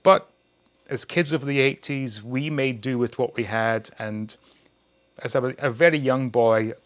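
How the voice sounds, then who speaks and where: Speaking at a measured pace with medium pitch, this forties-aged retro toy channel host casually reviews old toys for his viewers.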